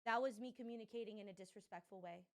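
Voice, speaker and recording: A woman's voice: medium pitch, fast. A young woman streamer giving rambling, exasperated commentary on clips, swearing a lot. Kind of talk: casual commentary reacting to clips.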